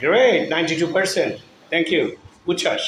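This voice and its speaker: A man's voice: a little high, lively intonation, slow, fairly bright tone. A man, teaching a class of children and drilling them, praising and prompting their answers. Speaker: English teacher. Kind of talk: classroom lesson drilling students. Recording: echoey room with faint ambient noise.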